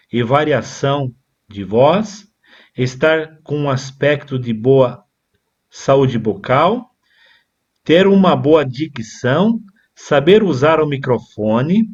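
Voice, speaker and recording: A man's voice: mid-range voice, breathy edge. A man teaching a church leadership class on preaching, reading from notes and then drifting into chatty asides to his brothers. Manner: reads from a text then digresses into chatty asides with "né, irmãos". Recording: dull lo-fi recording.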